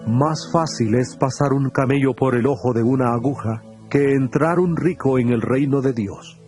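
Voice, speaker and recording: In a dramatized scripture recording, a male actor with a medium-pitched voice plays Jesus as a calm, earnest teacher. His tone is solemn and measured, lightly acted, with faint music in the background.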